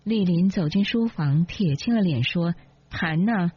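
一位女性有声书朗读者，以从容平稳的叙述口吻讲述小说情节。. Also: female voice, lowish voice, animated, moderate pace, breathy edge, no room sound. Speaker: audiobook narrator. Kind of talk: scripted narration. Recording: dull lo-fi, dry.

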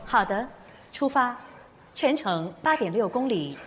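A woman playing a polite, composed car navigation assistant with measured, neutral announcements in a comedy sketch. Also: a little high, sing-song, a little hiss or hum. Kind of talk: comedy sketch stage acting.

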